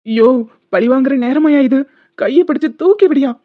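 A bickering young husband in a cartoon whines and threatens by turns, voiced high by a woman. The sound is narrow and tinny, like it came down a phone line. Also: expressive, normal speed. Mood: pleading. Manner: pleading and cocky by turns, threatening. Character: bickering young husband, sprawled on a broken bed.

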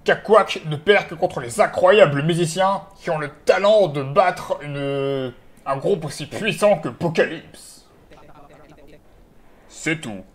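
A man doing a pompous third-person villain. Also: a little high. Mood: smug. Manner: slow, pompous, self-satisfied delivery. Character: boastful male villain speaking of himself in third person.

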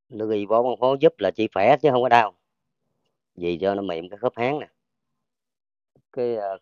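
A man with a Southern Vietnamese accent, a folk healer talking casually as he works, checking for pain and cheering loudly. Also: fairly low pitch, clear, resonant tone, no echo, dull audio. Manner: keeps checking for pain, loud cheerful exclamations. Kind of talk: casual talk while treating a patient.

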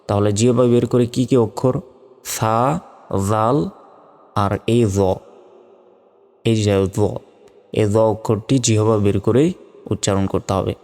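A man teaching Arabic letter pronunciation in a slow step-by-step lesson, drawing out and repeating each sound. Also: fairly low pitch, steady tone, a little mellow. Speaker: Quran teacher. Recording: long hall reverb with faint music.

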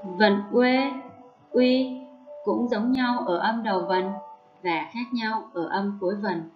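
A woman primary school teacher giving a recorded lesson to first graders, reading rhymes and words aloud slowly and clearly. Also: medium pitch, highs cut off, over music.

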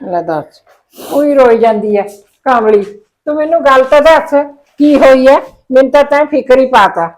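A woman's voice: high voice, moderate pace, natural voice, rough recording. An actress playing a caring middle-aged mother who coaxes and reassures her daughter in a drama. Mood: soothing. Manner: coaxing, reassuring. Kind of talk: Punjabi web drama acting.

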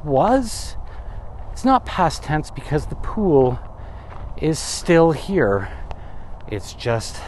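This travel vlogger, a man in his thirties, has a fairly high, darkish voice that's very animated and full of drawn-out words. He chats casually on a desert walking tour with wry asides and self-questions, using a handheld camera or phone mic with a little hiss or hum.

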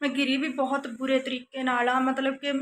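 A woman's voice: high voice, level tone, brisk, a bit bright, slight background noise. A woman in her thirties from Punjab, tired and chatty, talking through her day in a casual family home vlog and often tagging her sentences with a questioning "right?". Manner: chatty, tags sentences with "hanna". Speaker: family vlogger.

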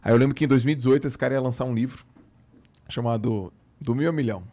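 A man's voice: medium pitch, fast. A man in his late thirties with a Brazilian Portuguese accent, telling a story as a podcast guest in casual chat and acting out the dialogue. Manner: animated storyteller who acts out quoted dialogue.

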